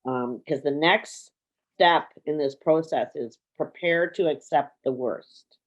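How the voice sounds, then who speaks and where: A woman coaching someone through a guided exercise, calm and deliberate, repeating key phrases. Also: sits low, dull audio. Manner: calm, slow and repetitive, drawing out key phrases.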